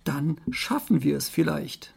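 Storybook fox, reader doing it: careful, slow, husky. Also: medium pitch, lively intonation, darkish tone, heavily acted. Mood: cautious. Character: clever, cautious fox.

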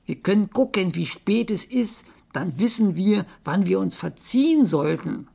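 Storybook crocodile, reader voicing: steady planner, husky. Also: medium pitch, measured pace, pitched above the performer's own voice, exaggerated voice. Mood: planning. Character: crocodile making a plan.

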